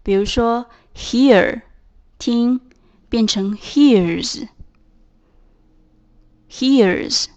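A woman narrating a beginners' English lesson at an unhurried pace. Her voice sits a little high. She spells words out letter by letter and explains each point with care. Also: muffled recording. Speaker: English teacher.

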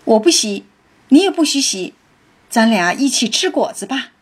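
A woman voicing an indulgent young nobleman who coaxes and gently scolds, with a breathy voice. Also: a little high, big pitch swings, normal speed. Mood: coaxing.

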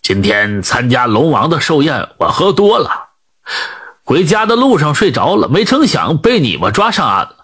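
A man's voice: a little high, sing-song, moderate pace, fairly bright tone, breathy edge, pitched below the performer's own voice, exaggerated voice. A man voicing a boastful old male sea turtle who speaks in a smug, self-important drawl.

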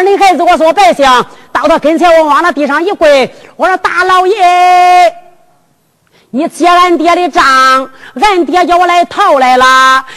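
A woman's voice: very high voice, a bit bright, voice pushed up. A woman voicing a naive, dim young prince who stammers and fumbles, with a Henan accent, in a drum-ballad tale. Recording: long hall reverb with music.

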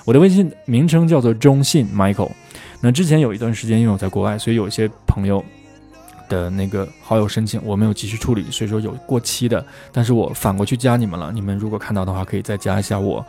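A man hosting a podcast who explains English pronunciation in a relaxed, chatty, rambling way. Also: fairly low pitch, fast, soft background music. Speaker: English teacher, podcast host.

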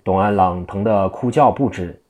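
A man narrating a traditional tale in a lively, vivid storytelling style, doing all the voices. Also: low voice, normal speed.

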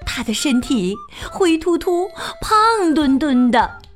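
A woman reading a children's picture book aloud in a slow, expressive, sing-song way. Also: sits high, faint music behind. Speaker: storyteller.

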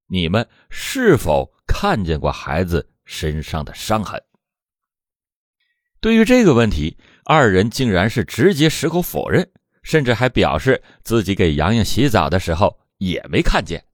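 A low-voiced man narrating a true crime case from a script. His pitch swings widely, springing up at the start of phrases and sinking at their ends. The close studio mic gives a dry sound with no room in it. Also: no room sound. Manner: dramatic, swooping emphasis on phrase openings. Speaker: true crime storyteller, show host.

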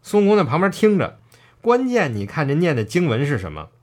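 A man co-hosting a casual chat, retelling scenes with animated acted-out quotes. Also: on the high side, fairly quick. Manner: animated storyteller, acts out quoted lines. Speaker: podcast co-host. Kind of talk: casual chat about a classic novel.

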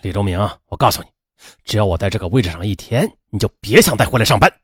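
A man's voice: lowish voice, animated, fast talker, husky, no room sound, clean studio sound, voice pushed down. A man voicing a cold, impatient boss who sneers. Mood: contemptuous. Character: sneering arrogant male boss.

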